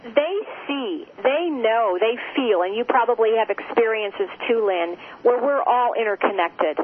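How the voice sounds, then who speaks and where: A woman heard over the phone as an interview guest, speaking gently and repeating phrases for emphasis. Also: on the high side, a little slow. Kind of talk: spiritual interview talk. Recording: tinny phone line with faint noise.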